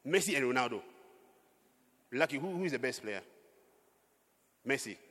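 Male pastor, animated preacher, husky raised voice, long church-hall echo. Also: mid-range voice, normal speed. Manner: animated preaching with sudden loud outbursts and laughs. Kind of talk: sermon.

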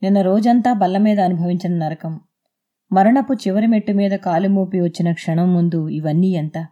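Woman with a dark, mellow reading voice. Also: on the low side, normal speed. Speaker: narrator of serialized audio novel. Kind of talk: audiobook narration. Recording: dull lo-fi.

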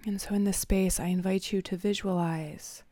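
A woman guiding a visualization meditation in a soft, half-whispered, soothing voice with long pauses. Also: mid-range voice, steady tone, dry recording. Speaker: meditation guide.

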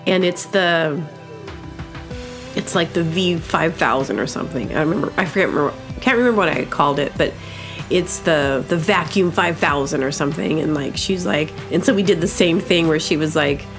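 A woman hosting a podcast in casual comedic chat, rambling and animated, with lots of fillers and quick impressions. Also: low-pitched, music in the background. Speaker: podcast host.

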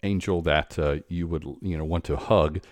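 A deep, low-pitched man hosts a conversation, speaking in a halting, stop-start way full of restarts and fillers. The sound is dry and close, with no room echo. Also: fairly even intonation. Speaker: podcast host. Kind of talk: conversational interview.

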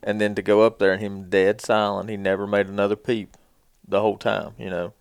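A man's voice: lowish voice, level tone, brisk, gravelly, smooth, no echo, studio quality. A man telling casual hunting stories in folksy, colloquial speech as a podcast co-host.

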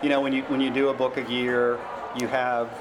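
An American novelist talks casually about his work in an interview, rambling informally. His voice is mid-range with a flat delivery, and he speaks fairly quickly. There's clearly a noisy background.

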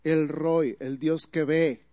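A man's voice: a little high, fairly even intonation, slow pace, dark tone, no echo, dull audio. A man preaching a sermon in a teaching manner, asking the listeners questions and building up emphatic repeated phrases. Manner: rises to emphatic repetition.

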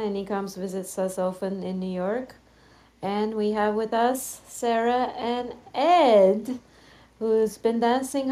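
A woman co-hosting a tango talk show over a video call, chatty and quick to laugh. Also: a little high, mellow. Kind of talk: casual chat on a video call.

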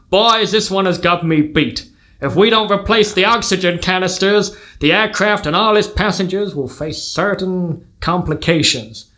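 A man voicing a stern American father who leads a rescue team, in a put-on American accent, slow and dismissive. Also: sits high, sharp tone.

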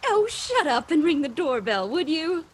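A sharp-tongued young secretary , played by a woman, snaps back with exasperation. The voice is very high and lively, with faint background noise. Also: normal speed. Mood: exasperated. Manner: snappy, exasperated. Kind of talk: audio drama acting.

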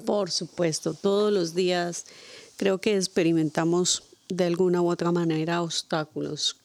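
Una mujer invitada que habla de su fe con sinceridad, con viveza y repitiendo para enfatizar. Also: female voice, on the low side, moderate pace, no room sound. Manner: earnest, lively, repeats for emphasis. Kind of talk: casual religious chat.

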